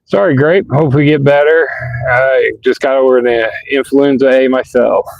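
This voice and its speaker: A man with a sore, hoarse voice, rambling casually as he chats with viewers on a live stream. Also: medium pitch, moderate pace, no room sound, lo-fi sound. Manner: rambling, colloquial, answers chat comments. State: hoarse, sick with sore throat.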